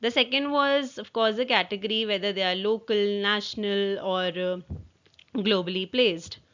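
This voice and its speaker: A woman informally walking through slides of her own work, speaking haltingly with repeated false starts. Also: mid-range voice, a bit bright. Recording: dull, lo-fi audio.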